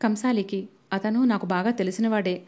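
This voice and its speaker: A woman's voice: medium pitch, fairly even intonation, moderate pace, lightly acted. A woman voicing a timid, faltering young wife. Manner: soft, hesitant, faltering.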